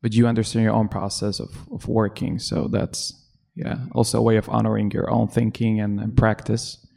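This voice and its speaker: A male interviewer with a low, gravelly voice and a dark, mellow tone, speaking in a flat, even line. He asks his questions gently and affirms what the guest says. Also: normal speed.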